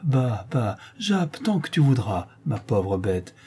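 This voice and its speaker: A man voicing a gentle former convict who talks tenderly and tearfully, pleading and sorrowful. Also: medium pitch, big pitch swings, slow, husky, full character voice. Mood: joyful.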